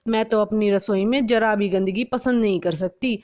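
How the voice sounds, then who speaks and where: A woman's voice: medium pitch, moderate pace, a little mellow, close to an everyday voice. A woman voicing a young, bossy daughter-in-law who fusses over a spotless kitchen and scolds sharply. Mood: scolding.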